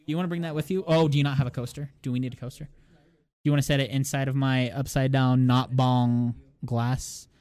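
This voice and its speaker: A man hosting a casual podcast, teasing his co-hosts, laughing often and rambling quickly through the sign-off. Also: mid-range voice, fairly even intonation, darkish tone. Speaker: podcast host.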